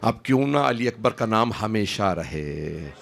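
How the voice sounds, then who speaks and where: A middle-aged man preaching an emotional sermon to a large live gathering, with dramatic rises in pitch and loudness as he addresses the crowd. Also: animated, vocal fry. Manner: addresses the gathering directly and often. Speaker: Islamic preacher. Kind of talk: impassioned religious sermon.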